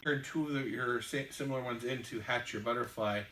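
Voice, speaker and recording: On a board game show, a man patiently explains the rules step by step while playing, saying "um" often. His mid-range voice is brisk, bright and forceful, picked up by a distant mic in a roomy space with faint hiss.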